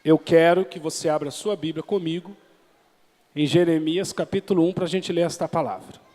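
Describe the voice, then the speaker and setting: A man preaching a sermon as pastor, reading scripture slowly and calling for responses from the congregation. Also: fairly high pitch, in a large hall, background noise. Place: church.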